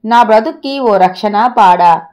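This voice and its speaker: A woman voicing a sharp-tongued, scheming wife who speaks bluntly and insistently. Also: medium pitch, unhurried, dull audio, lightly acted.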